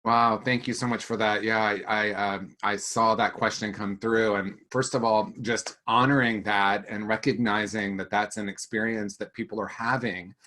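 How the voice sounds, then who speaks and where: A man's voice: fairly low pitch, steady tone, normal speed, few pauses. Earnest man on a webinar panel. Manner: earnest, gently encouraging.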